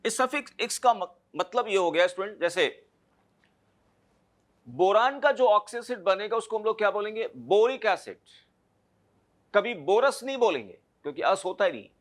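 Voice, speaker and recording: A man's voice: high-pitched, expressive, moderate pace, long pauses. A man teaching a chemistry lecture, explaining step by step and checking understanding with short tag questions. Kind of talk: classroom lecture.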